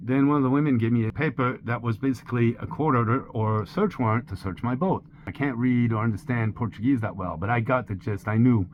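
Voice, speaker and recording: In a mid-range voice, a sailing vlogger in his sixties, French by first language, gives a candid, plain account of an ordeal he lived through. His pacing stays steady throughout this personal narration. The sound is slightly dull, with a faint hiss in the background.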